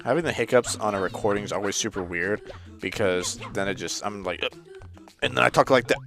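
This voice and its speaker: Chatty man with sudden loud outbursts. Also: fairly low pitch, quick pace, vocal fry, music in the background. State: hiccups. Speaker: let's play host. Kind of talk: casual gameplay commentary.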